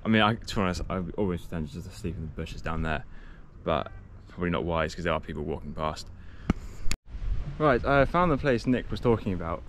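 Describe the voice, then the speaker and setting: A young man talks to the camera in a loose, rambling way, often stopping to correct himself. His voice sits on the lower side, and it comes from an action camera held at arm's length outdoors. Faint wind and passing traffic sit behind him. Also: lively intonation, a little fast. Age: young adult. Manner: chatty, rambling, self-correcting. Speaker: cycle touring vlogger. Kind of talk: casual vlog to camera. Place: outdoors on a sunny coastal path.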